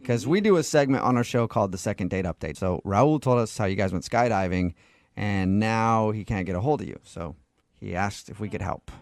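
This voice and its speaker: A man's voice: lowish voice, animated, no echo, studio quality. A man hosting a radio morning show, chatting and teasing his guest in a casual, joking way. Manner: teasing, joking, quick delivery. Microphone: studio microphone.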